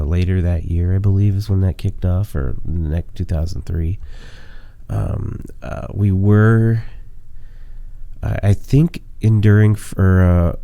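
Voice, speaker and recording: Sick with a cold, a podcast host in his late thirties speaks in a low, dark, stuffy and nasal voice, recorded with no room sound. His casual monologue rambles with lots of fillers before he reads a memoir story.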